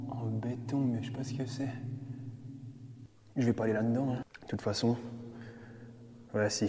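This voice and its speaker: A medium-pitched man with a darkish tone records a vlog while exploring an underground bunker, talking to his audience with nervous humor. There is a slight hiss or hum, faint ambience, and a long, cathedral-like echo from the concrete rooms.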